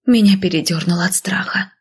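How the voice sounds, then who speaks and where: A woman narrating a first-person fantasy audiobook in a soft, hushed, intimate reading. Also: mid-range voice, fairly quick, slightly rough.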